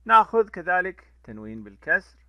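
A man teaching a letter lesson to children, drawing out each sound slowly and repeating it. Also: sits high, creaky, no room sound. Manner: lively, repeats sounds slowly for young learners. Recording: dull lo-fi dry recording.

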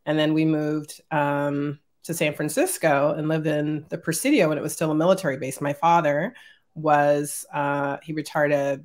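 A middle-aged woman, an executive, telling childhood stories as an interview guest over a video call, animated and laughing often. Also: low voice, moderate pace. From born in Germany, raised in Northern California. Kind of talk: casual storytelling.

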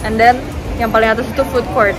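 A woman's voice: fairly high pitch, fairly even intonation, a little fast, low-quality recording. A young woman, a vlogger, chatting to viewers through a face mask in a busy shopping mall. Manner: chatty, addressing viewers directly. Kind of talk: casual travel vlog. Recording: loud music and crowd noise behind.

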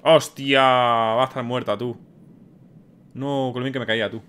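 A man's voice: mid-range voice, little pitch movement, moderate pace, a bit bright, slight background noise. A man in his thirties giving chatty, wry casual gameplay commentary to viewers as a streamer. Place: small gaming room at home. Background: faint horror game sound.

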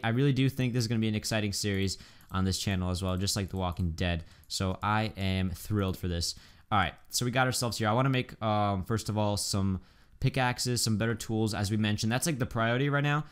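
Guy rambling thru his minecraft let's play, low smooth voice, lots of ums. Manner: chatty and upbeat, with frequent ums and likes. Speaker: gaming YouTuber. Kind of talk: casual let's play commentary.

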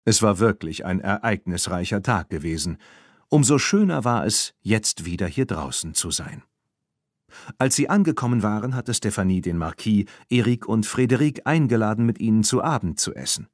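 An audiobook narrator with a fairly low, husky voice reads a children's story, telling it expressively with very varied, lively intonation. He keeps a moderate pace. The recording is close and dry, with no echo.

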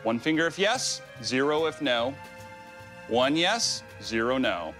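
A man in a doctor's coat doing a blunt, deadpan comic health ad straight to the viewer. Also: mid-range voice, slow, faint music behind. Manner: blunt, deadpan direct address. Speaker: actor in a health ad playing a doctor. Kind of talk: comic scripted ad.

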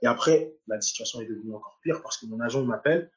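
A man's voice: medium pitch, quick pace, highs cut off. A young man from Nigeria, a footballer, giving a personal faith testimony with many repeated words and restarts.

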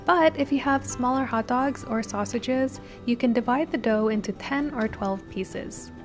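A woman host calmly narrating a baking recipe step by step as a voice-over. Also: fairly high pitch, a little slow. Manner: steady step-by-step instructional delivery. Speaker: cooking channel host. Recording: voice-over with music behind.

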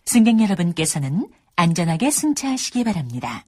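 Woman, recorded train announcement, polite and formal, lively pitch, noisy backdrop. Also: brisk. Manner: polite, formal, evenly paced.

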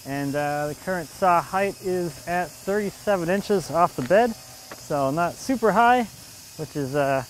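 A man's voice: fairly high pitch, measured pace, a little hiss or hum. A man in his thirties casually explaining his work as he saws a log outdoors, thinking aloud and chuckling now and then. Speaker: woodworker running a sawmill. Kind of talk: casual on-site narration. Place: outdoors in a yard at a sawmill.

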